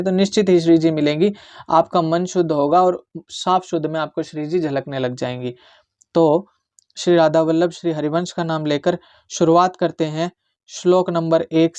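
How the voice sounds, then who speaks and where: A man giving a devotional lesson on how to pronounce Sanskrit verses. He explains plainly and then chants each line slowly, syllable by syllable. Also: on the high side, a little mellow, no echo. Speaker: Sanskrit recitation teacher.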